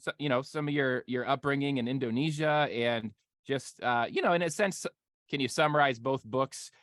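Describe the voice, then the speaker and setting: A man's voice: medium pitch, moderate pace, fairly bright tone, dry recording, studio quality. Rambling, laughing man podcast host. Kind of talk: casual interview.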